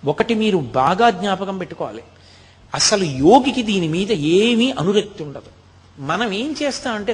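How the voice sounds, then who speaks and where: A man giving a devotional discourse, telling stories and chanting verses slowly. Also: high-pitched. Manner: storytelling, chants verses slowly, raises voice for quoted shouts. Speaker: spiritual speaker.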